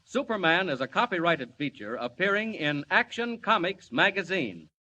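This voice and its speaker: An actor playing a stirring announcer, narrating a 1940s radio serial in a grand, suspenseful manner. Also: male voice, sits high, big pitch swings, moderate pace. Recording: muffled, hissy old 1940s radio recording.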